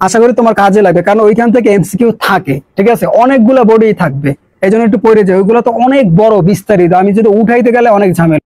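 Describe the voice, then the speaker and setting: A man with a high voice runs an exam-prep lesson. He fires a question, answers it himself and repeats the pair several times, in a loose, coaxing, colloquial way. The sound is dry and close. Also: very fast, a little mellow, no room sound, poor audio. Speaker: teacher.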